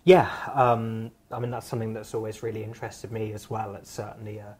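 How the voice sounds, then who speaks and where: A man from Surrey with a Home Counties English accent, interviewing in a halting, diffident way at a literary discussion. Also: lowish voice, level tone, darkish tone, breathy edge. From Surrey, England. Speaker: event interviewer, writer.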